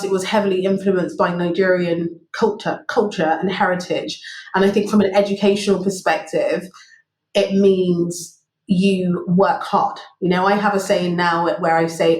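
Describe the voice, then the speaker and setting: A low-voiced woman from London talks thoughtfully as an interview guest, with fillers and small laughs. Her remote call audio sounds roomy and echoey. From England (London). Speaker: guest, business partner. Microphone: remote call recording.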